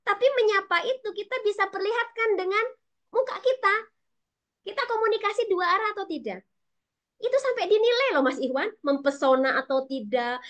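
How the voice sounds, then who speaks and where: A high-voiced woman with a Sundanese lilt lectures teachers in a webinar. She talks quickly and with energy, speaking straight to her audience. Her voice comes through a video call microphone. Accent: Sundanese-influenced Indonesian. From West Java, Indonesia (Sundanese). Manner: fast, animated talk that addresses listeners directly.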